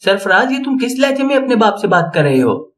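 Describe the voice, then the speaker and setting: A man's voice: high voice, very animated, a bit bright, voice pushed up. A man voicing a stern, bitter older woman of the household in an audio story. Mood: scolding. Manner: scolding, bitter. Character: stern older woman, harsh senior co-wife.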